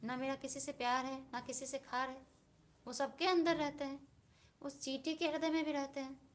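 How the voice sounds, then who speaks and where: A woman's voice: high-pitched, flat delivery, moderate pace, slight background noise. A woman giving a devotional discourse, reasoning earnestly and asking her listeners rhetorical questions. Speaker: spiritual speaker.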